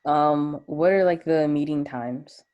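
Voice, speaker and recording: A woman's voice: low voice, slow pace, dark tone, muffled recording. A woman from Jamaica asking questions in a hesitant, casual way during a video call.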